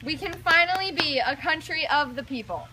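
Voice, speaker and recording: A woman's voice: high voice, animated, moderate pace, very noisy. A young woman playing a determined male activist leader in a school skit, speaking earnestly. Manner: earnest, declaiming.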